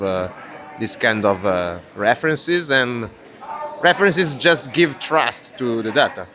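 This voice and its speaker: A man introduces himself at a meeting, pausing with fillers as he searches for words. His voice sits at a plain middle pitch. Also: fairly bright tone. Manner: hesitant, fillers. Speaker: foundation grantee.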